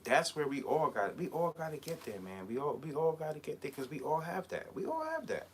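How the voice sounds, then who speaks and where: A man's voice: on the high side, big pitch swings, fairly quick, slight background noise. A man from Barbados, a clothing designer hosting a live chat, talking casually and rambling with many hesitations and fillers. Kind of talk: casual live-stream talk.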